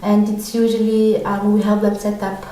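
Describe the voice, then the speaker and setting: A woman from Tunisia speaks as a podcast guest with a mellow, dark tone, pausing often on ums and restarting her sentences. She sounds set back from the microphone in a very echoey room. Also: medium pitch, flat delivery, slight background noise. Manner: hesitant, many ums and restarts. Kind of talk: conversational interview answers. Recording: very echoey room, mic far off.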